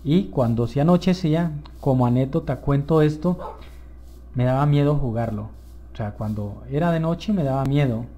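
A young man giving excited, rambling commentary over a survival game, often calling out to his viewers. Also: mid-range voice, normal speed. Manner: enthusiastic, easily excited, addresses viewers as "señores". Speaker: gameplay video host. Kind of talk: live gameplay commentary.

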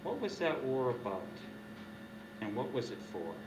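An older man reading his own poem at an open mic night, earnest and indignant, with halting restarts. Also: mid-range voice, sing-song, heavy background noise. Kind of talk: poetry reading. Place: dark stage of a small venue. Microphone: stand mic, recorded from a distance. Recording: distant roomy venue recording, dull sound.

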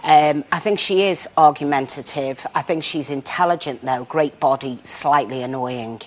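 A woman's voice: deep voice, moderate pace, background noise. A woman chatting as a studio guest, blunt and frank. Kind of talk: casual chat. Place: TV studio with audience.

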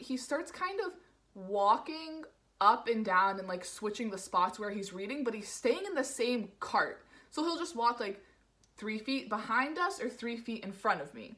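A woman's voice: fairly high pitch, a bit bright. A young woman from the New York area telling a casual vlog story, rambling and full of "like" fillers. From New York area, USA. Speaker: vlogger.

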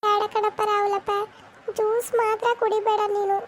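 A woman's voice: very high voice, completely flat delivery, normal speed, a little hiss or hum. A woman playing a scheming village mother in an amateur skit, wheedling and pleading.

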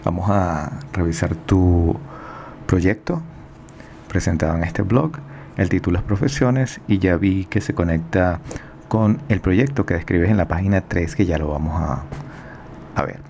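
A man as a teacher giving recorded feedback on a student's project, calm and methodical, thinking aloud with fillers. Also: low-pitched, unhurried, vocal fry, a little hiss or hum.

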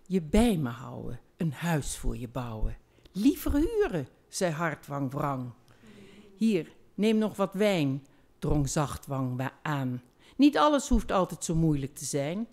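An older woman on a theatre stage, reading a poem aloud and chatting about the poet in between. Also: fairly low pitch. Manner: chatty, self-deprecating, lively when reading dialogue. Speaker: poetry reader on stage. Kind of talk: poetry reading.

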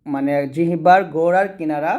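A man with a fairly high voice guides learners through Quran reading, patiently sounding out every letter slowly, several times, for them to repeat. The tone is steady and slightly mellow in this teaching lesson.

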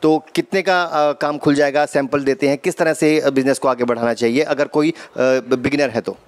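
A man in his thirties hosting a tour of a wholesale shop, holding a handheld mic indoors and repeating prices back to viewers in a lively way. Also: medium pitch, moderate pace, dry recording. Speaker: host showing a wholesale shop. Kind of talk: energetic shop-tour presenting. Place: indoor garment shop and office.

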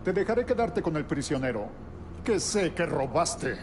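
An actor playing a sly, menacing old god king who sounds like a very old man, speaking in measured, pointed phrases in a game cutscene. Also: on the high side, sing-song. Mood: mocking, sly. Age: older. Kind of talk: dramatic video game cutscene acting. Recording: clear background noise.

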